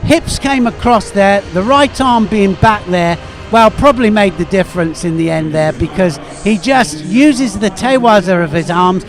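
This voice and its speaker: A man giving expert co-commentary in live sport, eager and halting with lots of fillers. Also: sits high.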